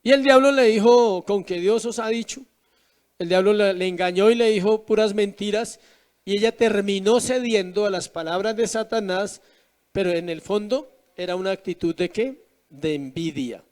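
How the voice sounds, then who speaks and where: A man's voice: high-pitched, moderate pace, a little mellow, clear, resonant tone. A man preaching a sermon as pastor, asking rhetorical questions with emphatic rises and drops.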